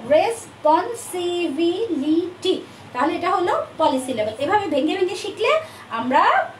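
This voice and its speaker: A woman English teacher with a Bangladeshi accent in English, giving an online class, mixing English into her talk and calling students dear, with frequent filler sounds. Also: high-pitched. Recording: echoey room, distant mic, faint noise.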